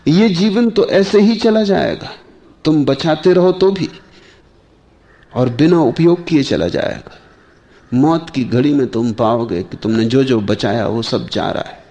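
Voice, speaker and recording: A man giving a slow, measured spiritual discourse, pausing often and asking his listeners rhetorical questions. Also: mid-range voice, mellow. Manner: slow, measured delivery with long pauses. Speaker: spiritual teacher.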